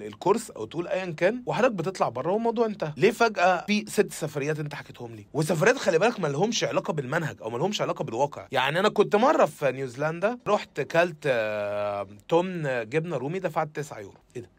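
A man's voice: fairly high pitch, very animated, very fast, husky, dry recording. A young man with an Egyptian Arabic accent delivering a casual comic monologue as a show host, rambling, sarcastic, slangy and profane.

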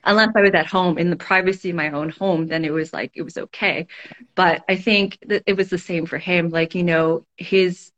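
A woman's voice: fairly low pitch, steady tone, moderate pace, a bit bright, lo-fi sound. A woman guest in a casual conversation, thinking aloud in a reflective way, with frequent fillers and restarts. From Toronto, Canada.

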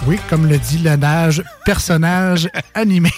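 A man's voice: fairly high pitch, measured pace, loud music behind the voice. A man with a Quebec French accent hosting a radio game show, playful and teasing, laughing often in casual banter.

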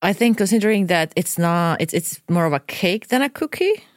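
A woman's voice: on the low side, animated, normal speed, no room sound, studio quality. A woman from Croatia, a producer, chatting playfully and laughing easily on a podcast. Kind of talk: casual podcast chat.

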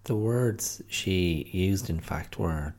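Deep, slow and darkish in tone, this Irish man hosts his own podcast. Worn out and mildly congested from hay fever, he rambles through a casual solo chat, correcting himself again and again.

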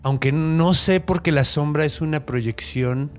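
A man with a Mexican accent telling a story on a podcast in a slangy, animated way, acting out the voices. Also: on the high side, unhurried, soft background music. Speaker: podcast host. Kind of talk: comic storytelling.

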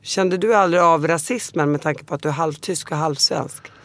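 A man's voice: on the high side, fairly bright tone. A man interviewing a guest, asking direct, probing questions.

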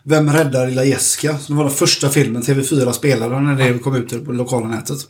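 A man's voice: mid-range voice, fairly even intonation, a little mellow, slight background noise. A man from Sweden co-hosting a podcast in casual chat, teasing and hesitant. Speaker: podcast co-host.

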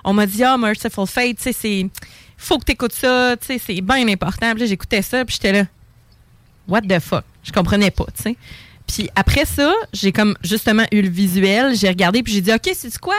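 A woman's voice: medium pitch, moderate pace, dry recording. A Québécois woman recounting anecdotes on a podcast. She talks in a loose, rambling way full of fillers. Her voice sits mid-range in a dry, close recording. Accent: Québécois French. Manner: chatty storyteller, lots of "tu sais". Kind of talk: casual chat about metal music.

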